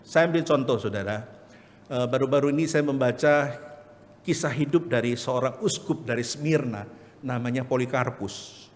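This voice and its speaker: A man's voice: medium pitch, moderate pace. Man preaching in an echoing church hall. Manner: often addresses listeners as brothers and sisters; retells a story vividly. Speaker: evangelist preacher. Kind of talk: storytelling sermon. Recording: reverberant church hall, faint background ambience.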